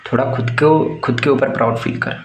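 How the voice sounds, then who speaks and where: A man's voice: medium pitch, fairly even intonation, a little fast. A young man gives blunt, crude, fired-up life advice in a casual motivational monologue. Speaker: warehouse worker giving life advice. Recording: roomy echo, faint background noise.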